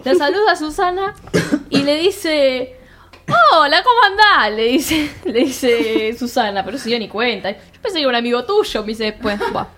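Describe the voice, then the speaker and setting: Lively Argentine woman telling a wild story. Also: fairly high pitch, normal speed, a little hiss or hum. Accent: Rioplatense Argentine Spanish. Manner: animated, slangy, laughs often, acts out quoted lines. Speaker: storyteller among friends. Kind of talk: casual chat, telling an anecdote.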